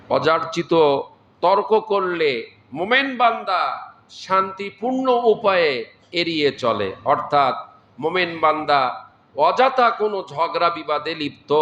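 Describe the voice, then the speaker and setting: A man's voice: on the high side, big pitch swings, slow pace, pauses often, fairly bright tone, muffled recording, a little hiss or hum. A man preaching a sermon, explaining scripture verse by verse and often breaking into exclamations of praise. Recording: echoey room.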